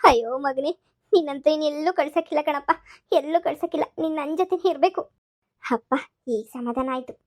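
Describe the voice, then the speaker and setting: A woman voicing a remorseful village mother in a cartoon comedy. Her voice is high-pitched. She pleads with raw emotion. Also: fairly quick. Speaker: cartoon voice artist. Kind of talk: cartoon voice acting.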